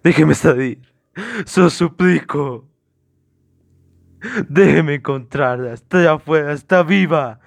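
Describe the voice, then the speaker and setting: Guy doing a freaked out suspect in a horror story, stammery, begging, shouting high, dry sound. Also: a little slow, creaky, long pauses, dry recording. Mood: pleading. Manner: stammering, pleading, rising to frantic shouts. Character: terrified man under police questioning, hysterical.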